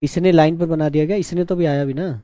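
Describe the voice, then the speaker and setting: Teasing high-voiced male teacher. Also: fairly even intonation, dark tone, dry recording, clean studio sound. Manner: teasing, scolding students; slow, drawn-out dictation. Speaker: shorthand teacher. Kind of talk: live online class dictation.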